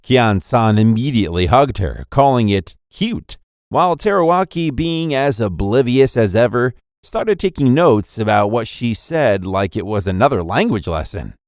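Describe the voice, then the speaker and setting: Lively, playful male recap narrator. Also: mid-range voice, measured pace, no echo, studio quality. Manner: playful, jokey storyteller. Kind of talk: scripted anime recap narration.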